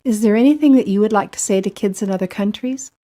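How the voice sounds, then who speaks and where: Using a mid-range voice, an American woman puts brief scripted questions to young interviewees. Her delivery stays calm and even.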